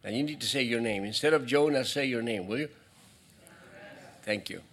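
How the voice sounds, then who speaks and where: In a church sanctuary, a male pastor with a medium-pitched voice preaches a sermon. His delivery is halting, full of restarts and asides directed at the congregation.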